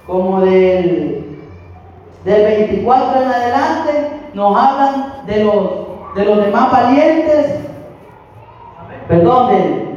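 A man preaching a sermon slowly and haltingly, often calling the listeners "hermano". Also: very high-pitched, darkish tone. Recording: distant, echoey hall, muffled.

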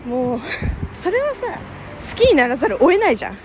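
A woman's voice: high voice, huge pitch swings, normal speed. A young woman gushing in a casual, filler-heavy monologue. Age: young adult. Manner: chatty, gushing, lots of fillers. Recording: noisy background with passing vehicles.

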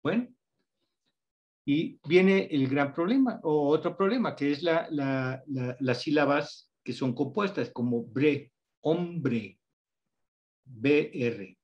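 Teacherly Mexican man, slightly high voice. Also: a little mellow, highs cut off. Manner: patient, teacherly, spells out examples slowly. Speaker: guest researcher on reading instruction. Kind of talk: explanatory interview talk.

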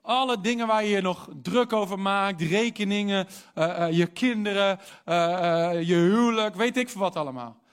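A man's voice: sits high, moderate pace, smooth. A young man preaching a sermon, telling a story and then building to emphatic calls, with English phrases slipped in. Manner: animated, rising to emphatic preaching; mixes English phrases into talk. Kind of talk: sermon with personal anecdote.

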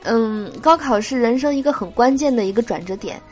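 A woman's voice: a little high, brisk, darkish tone, faint music behind. A woman hosting a joke show, reading jokes aloud with a nasal voice from a cold and laughing at her own punchlines.

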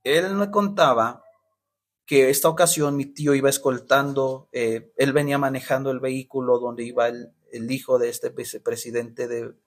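A man's voice: medium pitch, fairly even intonation, normal speed. A Mexican man preaching, telling a story and acting out the people in it, with many restarts. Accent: Mexican Spanish. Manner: storytelling with frequent restarts, acting out quoted voices. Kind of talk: storytelling sermon.

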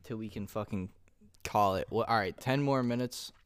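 A man's voice: lowish voice, normal speed, smooth, no echo. A young man co-hosting a podcast, joking crudely in casual chat. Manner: joking, crude, talks over his co-host. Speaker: podcast co-host.

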